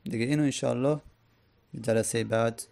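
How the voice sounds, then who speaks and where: A man's voice: mid-range voice, fairly even intonation, gravelly, darkish tone. A man teaching an Arabic grammar lesson. He recites conjugations in drills, then explains them casually.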